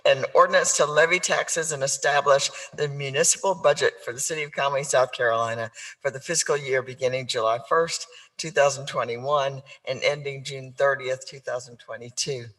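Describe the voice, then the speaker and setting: A man's voice: mid-range voice, fairly even intonation, normal speed, hardly any pauses, sharp tone, poor audio. A man chairing a city council meeting as mayor, using formal, courteous procedural phrasing. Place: council chamber.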